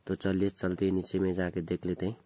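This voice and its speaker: Low, flat-voiced young man vlogging outdoors. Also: over loud music. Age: young adult. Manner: plain, unhurried, points things out one by one. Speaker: farm vlogger. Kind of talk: casual walking tour narration. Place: hillside vegetable farm outdoors. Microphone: phone held at arm's length.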